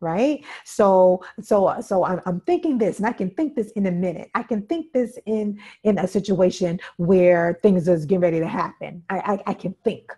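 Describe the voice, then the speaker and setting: A woman's voice: fairly low pitch, normal speed, few pauses, mellow, slightly rough. A woman instructor giving an interactive workshop talk, emphatic and repeating key points while often checking in with her listeners. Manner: emphatic, checks in with "okay?" and "right?".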